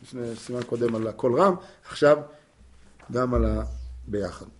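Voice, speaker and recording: Man teaching a halting Torah lesson. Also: medium pitch, background noise. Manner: explanatory, halting with fillers. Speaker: rabbi teaching halakha.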